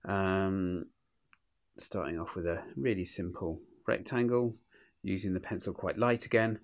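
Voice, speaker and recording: Sniffly with a cold, an illustrator hosting a drawing tutorial walks viewers through it step by step. He chats informally and unhurriedly in a voice on the low side.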